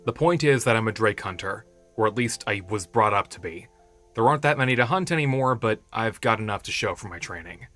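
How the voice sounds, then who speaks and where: A man voicing a serious young male drake hunter in an audiobook, terse, low and guarded. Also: expressive, brisk, fairly bright tone, soft background music. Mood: grim. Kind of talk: audiobook character voice.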